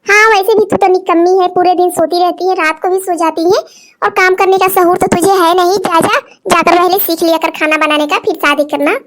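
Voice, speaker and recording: A woman's voice: very high-pitched, steady tone, a little fast. A woman voicing a sassy, mocking younger sister in a cartoon story. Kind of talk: cartoon voice acting.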